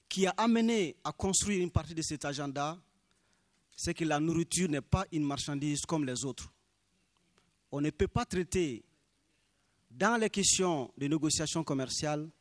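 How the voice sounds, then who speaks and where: A man with a voice on the high side delivers an earnest, formal speech for a small farmers' movement, deliberate and emphatic on key phrases. His first language is Minyanka, and the recording has no room sound.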